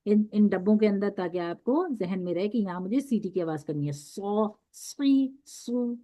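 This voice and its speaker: In this dull, lo-fi recording of classroom instruction, a woman leads a recitation class and patiently stretches out syllables one by one for the students to echo. She speaks a little fast, with a medium-pitched voice and a dark tone.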